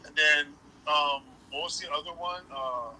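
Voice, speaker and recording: A man's voice: on the high side, normal speed, bright, forceful tone, slight background noise, poor audio. A man hosting a casual livestream chat, telling stories and laughing often. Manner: storytelling, laughs often, says bro, Hawaiian pidgin touches. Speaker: livestream host.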